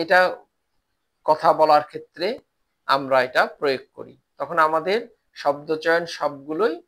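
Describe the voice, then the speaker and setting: Bengali teacher lecturing with fillers. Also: male voice, fairly high pitch, a bit bright. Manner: explanatory, with many "ah" fillers. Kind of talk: recorded online lecture.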